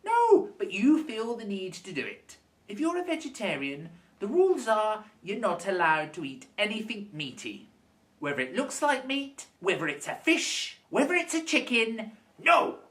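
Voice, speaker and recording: A man delivering a comic rant to camera in a vlog. He is sarcastic and keeps firing off rhetorical questions, and his pitch leaps high and low for effect. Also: huge pitch swings, moderate pace, a bit bright. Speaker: vlogger.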